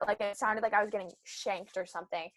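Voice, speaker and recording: A young woman co-hosting a podcast, telling a story in casual chat and acting out quotes with big jumps in her voice. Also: fast. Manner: animated, acts out quotes with big pitch jumps. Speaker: podcast co-host.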